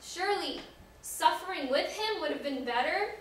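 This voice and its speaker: A woman's voice: fairly high pitch, fairly even intonation, unhurried, fairly bright tone, slight background noise. A woman acting the part of a remorseful male apostle in a church drama monologue, earnest and building to pleading cries, heard from a distance in an echoey hall. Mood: anguished. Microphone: far room mic.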